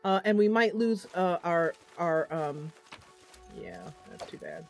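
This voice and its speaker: Her lowish voice is sing-song and slow, with vocal fry, and faint music plays behind her. As a gaming channel host doing a casual let's-play, she thinks aloud with frequent ums and playfully addresses her viewers directly.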